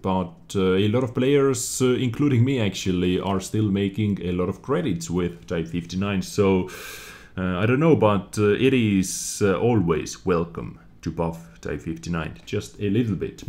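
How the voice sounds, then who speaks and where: A man's voice: sits low, mellow, slight background noise. A man casually commenting on game update news, reading out each point and reacting to it. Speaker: gaming video creator.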